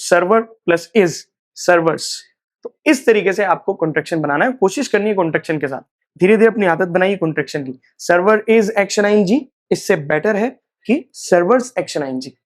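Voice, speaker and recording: A man teaching a spoken English class, explaining patiently and repeating example sentences slowly. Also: high voice. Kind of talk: live online class explanation.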